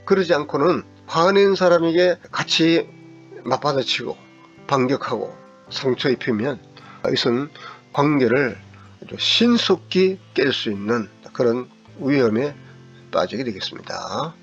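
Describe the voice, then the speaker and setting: A man's voice: mid-range voice, animated, unhurried. A middle-aged man lecturing as a counseling psychologist, explaining step by step and sometimes acting out angry remarks in a raised voice. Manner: acts out angry quoted lines in a raised voice. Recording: slightly dull recording with faint guitar music.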